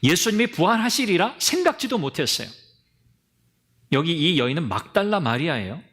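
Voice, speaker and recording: A male pastor delivers a Sunday sermon as vivid storytelling. His voice sits a little high and swings widely in pitch. He often addresses the congregation directly and acts out the lines of the people in the story. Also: normal speed. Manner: animated storytelling, acting out quotes.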